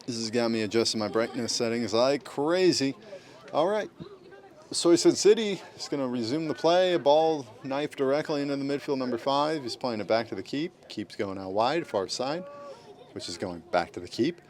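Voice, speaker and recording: A man's voice: mid-range voice, lively intonation, moderate pace, darkish tone. A man giving casual, joking live play-by-play commentary on an amateur soccer match. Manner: joking, informal, tries bits of Spanish.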